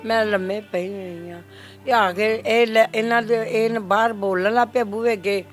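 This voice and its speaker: A woman's voice: mid-range voice, fairly even intonation, moderate pace. An older woman, the mother of a victim, speaks with a strong Punjabi accent. She is grief-stricken and pleads, repeating herself as she talks. Faint music sits behind her voice. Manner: pleading, repetitive, emotional. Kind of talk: grieving testimony to a reporter.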